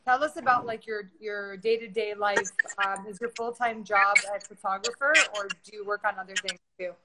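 A woman's voice: medium pitch, steady tone, normal speed, heavy background noise. A woman hosting a live online interview, chatty, asking questions with many fillers. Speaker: host.

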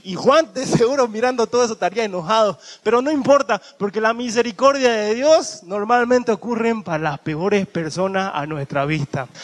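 Preaching with lively swings, the high-voiced man slips into slangy voices to play the thieves. His scripture readings come slow and low, contrasting with the animation of the rest of the sermon.

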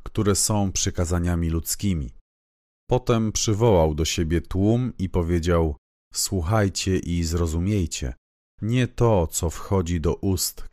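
A man reading scripture aloud in a measured, even, solemn way. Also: sits low, dry recording, clean studio sound. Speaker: Bible reader.

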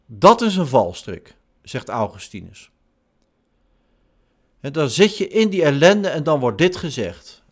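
A man preaching a sermon in slow, measured short phrases. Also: fairly high pitch. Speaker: pastor.

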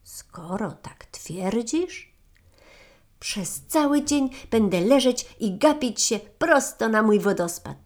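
An excitable little marmot girl from a storybook, as a woman reads her, her voice jumping up high with wonder. She speaks slowly and gushes with eagerness, loud and bright. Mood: excited, eager. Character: young female marmot, eager and dreamy.

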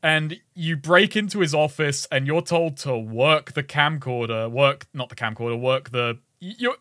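A man's voice: on the high side, normal speed, bright, forceful tone, no echo, clean studio sound. A man co-hosting a casual gaming podcast, telling a story animatedly, swearing and laughing often. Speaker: podcast co-host.

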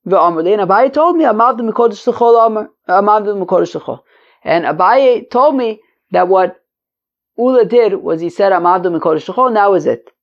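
Speaking briskly with lively intonation, a high-pitched man reads and translates Talmud in a relaxed lesson. He rephrases as he goes and throws out rhetorical questions. The recording is dull and lo-fi.

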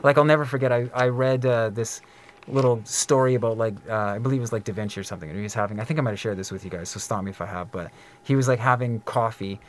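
A middle-aged man hosting a podcast in casual chat, an animated storyteller who fills his talk with "like" and "um" and acts out quoted voices. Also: mid-range voice, quick pace, slight background noise. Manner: frequent fillers like "like" and "um". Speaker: podcast host.

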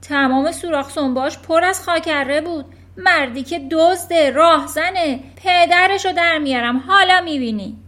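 A woman voicing a bullying, furious headmistress who shouts and hurls insults at a child in a storybook reading. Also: sits high, voice pushed up.

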